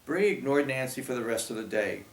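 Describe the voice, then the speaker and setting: Brief: male narrator, mid pitch, gravelly, reading in an echoey room. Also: a little fast. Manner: steady storytelling. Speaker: audiobook narrator. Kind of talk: scripted narration. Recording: roomy echo.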